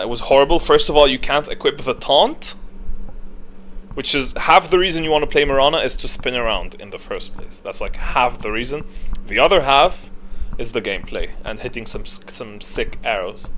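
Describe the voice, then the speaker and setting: This man riffs on games as a video creator, speaking bluntly with strong opinions and plenty of slang. He has a medium-pitched, fairly bright voice, and background noise is noticeable.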